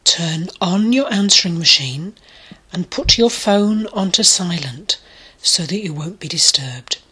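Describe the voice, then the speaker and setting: A woman leading a guided meditation in a soft, soothing voice that often drops to a breathy near-whisper. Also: lowish voice, lively intonation, measured pace. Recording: clear music bed behind the voice.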